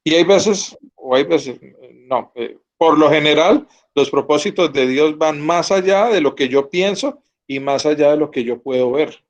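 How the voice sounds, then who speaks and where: A man's voice: a little high, unhurried, dull audio. A man teaching an online Bible class, earnest and often checking that his students follow. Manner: earnest, asks students to confirm.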